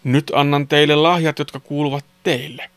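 A man's voice: on the high side, steady tone, fairly bright tone, smooth, no echo, pitched above the performer's own voice. A man reading a children's story, doing a friendly, apologetic Santa Claus. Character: kindly male Santa Claus.

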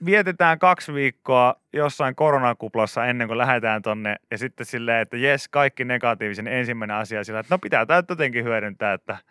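A man's voice: medium pitch, few pauses, bright, forceful tone, clear, resonant tone, no room sound, studio quality. A man hosting a morning radio show, bantering casually and teasing his co-host with bursts of laughter. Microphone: studio microphone.

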